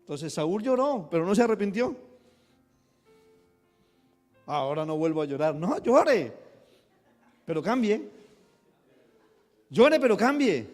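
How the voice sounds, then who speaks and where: A man preaching a sermon as a pastor, with sudden loud bursts of emphasis and quick acted asides. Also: high-pitched, very animated, big-room sound, soft background music. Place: church hall.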